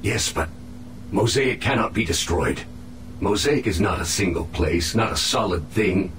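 A man voicing a captive alien infiltrator in a video game, solemn, proud and menacing, with formal, measured speech. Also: deep voice, animated, fairly bright tone, reverberant, slight background noise. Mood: grim, resigned. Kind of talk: video game cutscene acting.

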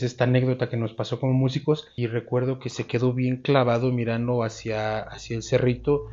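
A man in his thirties with a Mexican accent, recounting a memory in an interview with a lapel mic, in a drawn-out storytelling way. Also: mid-range voice, mellow, highs cut off. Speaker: eyewitness interviewee. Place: dark room, seated.

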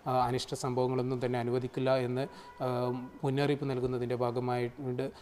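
A Malayali man files a live news report from the field, stumbling and restarting as he goes. His voice sits at an ordinary middle pitch. Faint background noise runs under him. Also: monotone, warm tone. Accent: Malayali, Kerala. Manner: halting, many fillers and restarts.

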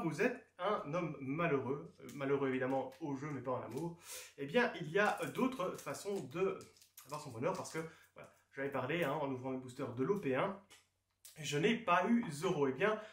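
A man's voice: a little high, a bit bright. A man hosting a card game channel, giving a casual unboxing commentary full of playful, jokey asides. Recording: echoey room.

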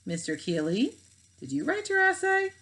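A woman's voice: extremely high pitch, huge pitch swings, normal speed, fairly bright tone, voice pushed up, exaggerated voice, poor audio. A woman reading aloud, voicing a stern, proper homeroom teacher. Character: stern middle-aged female homeroom teacher.

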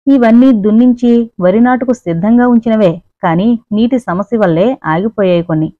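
A woman voicing a polite, calm young man who speaks softly and teases gently, in an audiobook reading. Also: mid-range voice, brisk, no room sound, lightly acted. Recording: dry, narrow phone-like sound.

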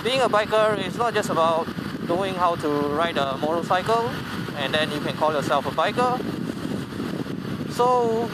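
A man talking casually while riding a motorcycle on a highway, rambling with many fillers and restarts and the odd swear word, into a helmet mic. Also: lively intonation, moderate pace. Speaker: motovlogger. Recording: loud road and wind noise. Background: loud road and engine noise.

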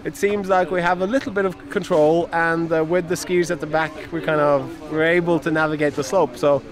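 A man's voice: fairly high pitch, steady tone, fairly quick. A man vlogging about a stunt plan, explaining each step in an upbeat way, outdoors on a snowy slope. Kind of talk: vlog narration. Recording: noisy outdoor audio.

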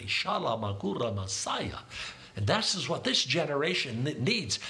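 A man's voice: on the high side, sharp tone. An older man preaching an exuberant Pentecostal sermon, calling out hallelujahs and breaking into tongues. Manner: exuberant, calls out hallelujahs and praise.

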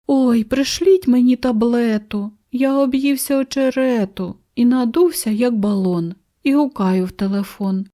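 Picture a stuffed, complaining hippo, as a woman reading the storybook puts him on, pleading down the phone in a voice pitched a touch above her own. He sounds sorry for himself and drags his words along slowly. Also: dark tone, lightly acted.

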